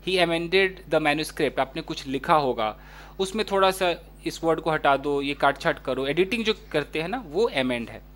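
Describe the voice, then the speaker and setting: A man with an Indian accent teaching English words to learners, explaining each one in a casual way with many examples and reading English phrases out slowly. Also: a little high, a bit bright.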